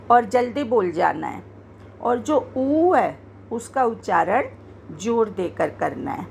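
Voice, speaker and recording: A woman teaching Hindi spelling, slowly and patiently saying each example word again to show how it sounds. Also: on the high side, gravelly, slight background noise. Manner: slow, patient, repeats words to show pronunciation. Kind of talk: explaining grammar to learners.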